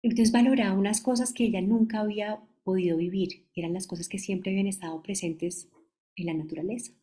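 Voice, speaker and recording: A woman in her forties with a Colombian accent, a mother giving a halting, emotional personal testimony. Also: mid-range voice, steady tone, mellow. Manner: halting, emotional, restarts mid-phrase.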